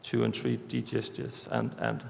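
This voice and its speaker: A man giving a conference talk, walking through a live demo step by step in a halting way, recorded in a large hall. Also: on the low side, very animated, gravelly, a little mellow. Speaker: conference speaker. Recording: reverberant hall, faint background noise.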